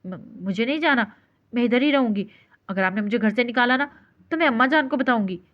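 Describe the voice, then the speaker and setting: A woman's voice: fairly high pitch, a little fast, natural voice. A woman voicing a naive, tearful young bride who talks in a childlike, pleading and stubborn way. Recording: dull lo-fi recording.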